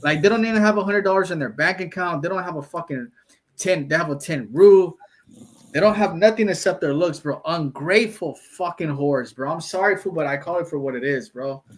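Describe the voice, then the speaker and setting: A man from the United States with a Mexican-American accent talks bluntly and profanely in a casual streamed chat full of slang. His voice is on the high side and brisk, picked up by a streaming call mic.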